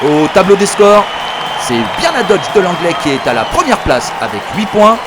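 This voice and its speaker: A man hosting and commentating on races like a motorsport commentator, excited and dramatic. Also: high voice, moderate pace. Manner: excited, dramatic race calling. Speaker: race host and motorsport commentator. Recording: loud music and crowd noise behind. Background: music, crowd.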